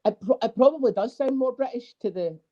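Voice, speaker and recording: Mellow-voiced drummer telling stories. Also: male voice, very high voice, a little fast, dull audio. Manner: animated storyteller, swears freely. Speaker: guest, drummer. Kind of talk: casual podcast interview.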